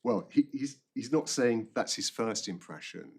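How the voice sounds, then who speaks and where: A man arguing an appeal as a barrister, formally, halting and often repeating words. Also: medium pitch, lively intonation, darkish tone, breathy edge. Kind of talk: formal courtroom legal argument.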